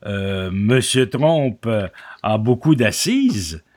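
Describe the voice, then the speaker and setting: Slow-talking male radio host. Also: on the low side, expressive, darkish tone. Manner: measured, hesitant with many fillers. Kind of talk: radio interview.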